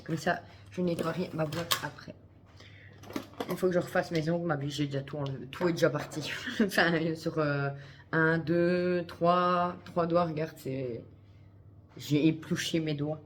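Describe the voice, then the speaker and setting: A woman's voice: low voice, steady tone, a little slow, noisy background. A woman vlogging in casual chat to camera, chatty and swearing freely, talking through a headset.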